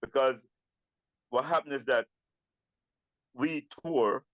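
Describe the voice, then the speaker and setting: An older Jamaican man talks in Rastafari speech at a very slow, deliberate pace, repeating phrases as he reflects. The sound is roomy and a little muffled. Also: medium pitch, fairly bright tone. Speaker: interviewee, Rastafari elder and drummer. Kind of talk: reflective interview talk.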